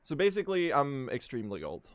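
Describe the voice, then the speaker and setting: Lively young man streaming a game. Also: medium pitch, quick pace. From Sweden. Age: young adult. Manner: joking, talks to chat while playing. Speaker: speedrunning streamer. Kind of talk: casual live-stream chat.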